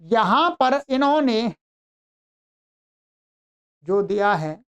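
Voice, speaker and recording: A woman teaching an online grammar lesson, explaining slowly and repeating her own questions to the class. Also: on the high side, expressive, smooth, dull audio.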